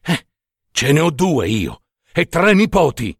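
A man's voice: on the high side, very animated, takes it slowly, gravelly, breathy edge, no echo, clean studio sound, exaggerated voice. A man voicing a blunt, rude traveler, a father of two, who talks brusquely.

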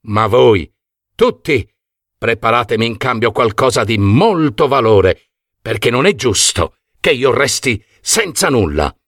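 A man voicing a furious, greedy ancient king who shouts his demands indignantly, in a storybook reading. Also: mid-range voice, very animated, a little slow, no room sound, studio quality, heavily acted. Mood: angry.

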